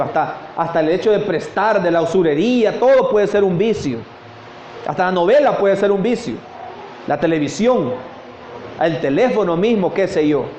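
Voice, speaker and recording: A high-voiced man preaches earnestly, calling out to his brethren and answering his own questions. The sound is roomy and a little dull, with faint hiss beneath. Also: a little mellow. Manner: earnest, repeats "mis hermanos", asks and answers questions. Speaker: pastor. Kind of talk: sermon. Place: church service, morning.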